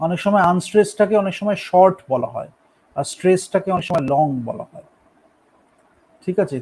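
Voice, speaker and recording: Male teacher, high voice, explains patiently step by step, classroom lecture. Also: a little mellow, poor audio. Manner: explains step by step, often checks understanding. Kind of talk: classroom lecture on poetic meter.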